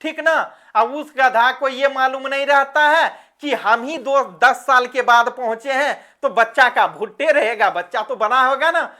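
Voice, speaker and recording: A woman teacher, giving a grammar lesson and acting out her example sentences in a drawn-out voice. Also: high-pitched, pushed and bright.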